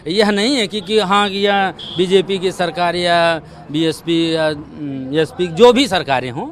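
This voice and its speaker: A man giving his opinion in a measured way during a roadside interview. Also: high-pitched, a little hiss or hum. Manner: measured, then irritated. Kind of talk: street vox pop. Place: roadside outdoors.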